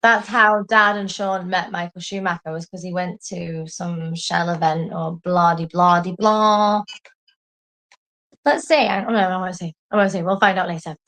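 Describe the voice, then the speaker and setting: A woman's voice: lowish voice, normal speed. Rambling, chatty woman telling stories. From lived in Singapore, English family. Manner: rambling, animated storytelling with self-mockery and swearing. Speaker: co-host. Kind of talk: casual chat.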